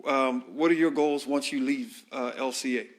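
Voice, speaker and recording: A man conducts a halftime sideline interview. He asks friendly, rambling questions padded with fillers. His voice sits at an ordinary middle pitch. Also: fairly even intonation, moderate pace. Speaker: sideline interviewer at a high school football broadcast.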